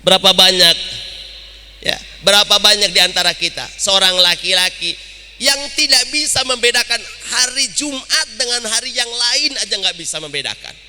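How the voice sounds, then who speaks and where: In a reverberant mosque hall, a man delivers a sermon in a high, bright and forceful voice. His style is humorous and teasing as he addresses the congregation head-on.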